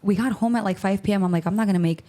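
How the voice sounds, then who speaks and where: A woman's voice: mid-range voice, very fast, mellow. A young woman co-hosting a podcast, chatting casually with friends. She laughs easily and trails off into restarts. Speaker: podcast co-host. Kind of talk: casual chat among friends.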